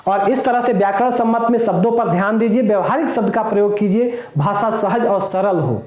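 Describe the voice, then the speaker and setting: High-voiced male teacher, echoey room. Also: a little mellow. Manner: explains slowly, repeats points, asks rhetorical questions. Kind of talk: classroom lecture. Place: classroom.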